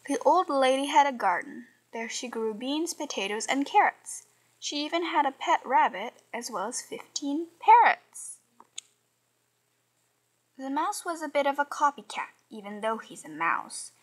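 A woman reading a children's picture book aloud in an expressive, sing-song way. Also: high voice, a little slow, rough recording.

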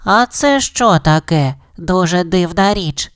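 A woman voicing a friendly, gentle young girl bat in a children's audio storybook, soft and slow with wonder. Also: lowish voice, expressive, clean tone, no echo, clean studio sound, voice pushed up. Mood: curious.

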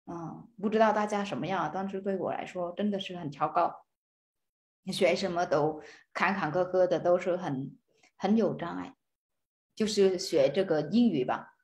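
Woman giving a chatty buddhist study talk, lots of restarts and fillers, keeps asking right?. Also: medium pitch. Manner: hesitant, repeats words and restarts, frequent fillers, chuckles; asks listeners rhetorical questions. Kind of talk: casual spoken Dharma lesson.

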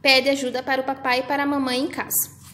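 A woman with a Brazilian Portuguese accent, a preschool teacher patiently walking young children through workbook activities in a slow, sing-song way. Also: high voice, little pitch movement, pushed and bright, echoey room, slight background noise.

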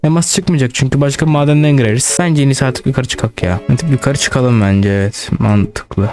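A man giving casual let's-play commentary, excitable, swearing and talking straight to his viewers. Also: medium pitch, brisk. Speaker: gaming channel host.

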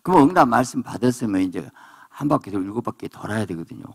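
Gravelly animated pastor preaching. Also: male voice, fast. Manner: animated preaching, voices characters in quotes, jumps to high exclamations. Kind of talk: sermon. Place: prayer retreat hall.

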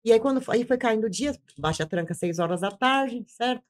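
A woman gives an intense personal testimony as an interview guest, speaking briskly in a slightly high, animated voice. She repeats phrases and acts out words she once said.

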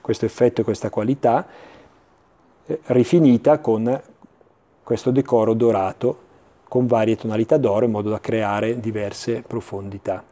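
A man presenting items in an unscripted infomercial style, explaining in a measured way with searching pauses and repetitions. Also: lowish voice, steady tone, mellow. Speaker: antiques dealer presenting items on a TV sales show. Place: indoor furniture showroom.

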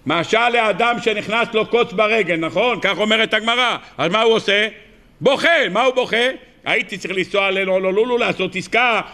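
A rabbi delivers a lively weekly sermon in a high, bright voice. He keeps throwing questions at his listeners and bursts into short cries when he acts out scenes. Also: few pauses. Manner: animated, asks the audience rhetorical questions.

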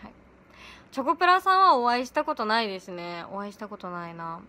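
A teenage girl with a chatting casually on a livestream from home, giggly and quick to laugh. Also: mid-range voice, big pitch swings, sharp tone. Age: late teens. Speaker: idol livestreaming to fans. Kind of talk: casual livestream chat reading comments. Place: at home in pajamas.

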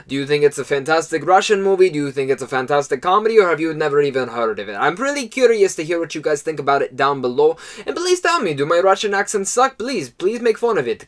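Chatty young man reviewing a film. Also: a little high. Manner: chatty and enthusiastic, with restarts. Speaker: movie reviewer. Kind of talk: casual movie review vlog.

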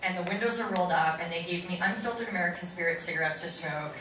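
Woman panel guest, animated storyteller, heard from afar in a booming echoey hall with noise behind. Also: fast. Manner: animated storyteller, swears, acts out quotes. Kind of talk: telling an anecdote on a convention panel. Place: large convention hall. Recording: echoey hall from far off, noisy.

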